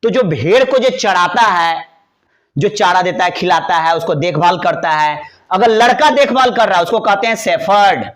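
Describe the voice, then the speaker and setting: High-voiced man teaching English words. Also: fairly bright tone. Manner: chatty and playful, spells words letter by letter, drawls key words slowly. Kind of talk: classroom lesson explaining vocabulary.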